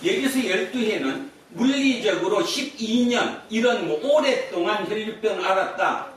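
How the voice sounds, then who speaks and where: Recorded at a distance in an echoey church hall with slight background noise, a pastor whose voice sits high delivers a sermon in the sanctuary. He asks the congregation questions and echoes back what they answer.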